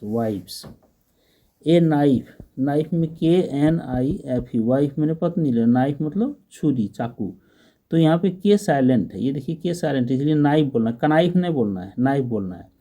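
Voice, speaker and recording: A man with a mellow, animated voice at medium pitch teaches English grammar slowly, spelling each word letter by letter. He is patient, sounding out the letters carefully and putting questions to the class as he goes.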